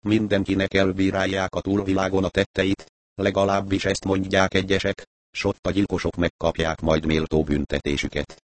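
A man's voice: sits low, little pitch movement, natural voice. A man reading the part of a brash, cynical male adventurer who talks in a dismissive, sarcastic way. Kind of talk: audiobook character reading.

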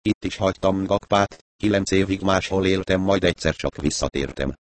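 A man reading the part of a very old, weary and menacing lama with a raspy voice, in an audiobook. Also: sits low, a little hiss or hum, close to an everyday voice.

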